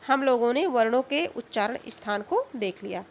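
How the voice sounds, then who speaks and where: Woman, high voice, grammar teacher, asks and answers her own questions, repeats each point. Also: animated, slight background noise. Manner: asks the class questions and answers them herself; repeats points, sounds out letters slowly. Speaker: Hindi teacher. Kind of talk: grammar lesson.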